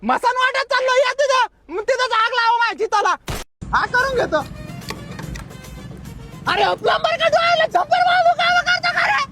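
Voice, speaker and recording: A man acting in a comedy sketch, talking loudly and excitedly, often shouting. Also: very high-pitched, moderate pace, pauses often. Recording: loud music under the voice.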